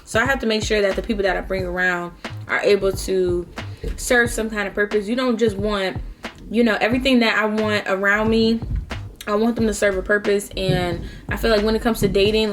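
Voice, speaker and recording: Young woman vlogging casually over music. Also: medium pitch. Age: young adult. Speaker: mukbang vlogger. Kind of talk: casual chat to camera giving personal advice.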